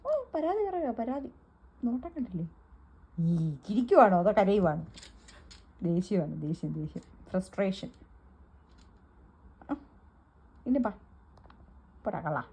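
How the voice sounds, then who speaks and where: A woman's voice: medium pitch, lively intonation, slow, pauses often, warm tone, husky. A woman filming her pet dog, chatting casually to it and to viewers in a sing-song baby-talk way.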